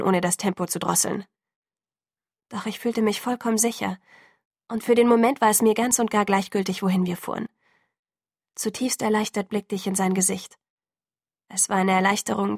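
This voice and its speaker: A woman narrating a novel in the first person, reading in a steady, measured way. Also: medium pitch, no echo, studio quality. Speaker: audiobook narrator.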